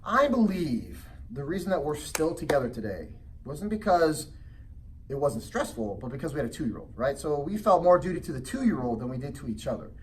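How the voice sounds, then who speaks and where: Guy giving a real estate sales seminar, keeps asking "make sense?", kinda high, sounds off-mic. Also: brisk, far from the mic, a little hiss or hum. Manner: animated storytelling with frequent rhetorical check-ins. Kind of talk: motivational sales seminar talk.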